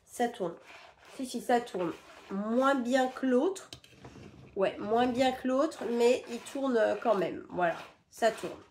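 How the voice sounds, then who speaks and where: A woman's voice: on the high side, slow, darkish tone, a little hiss or hum. A woman from France chatting casually through a shopping haul, rambling with fillers and sounding sick and stuffy. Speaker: vlogger showing a shopping haul. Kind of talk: casual haul chat to camera.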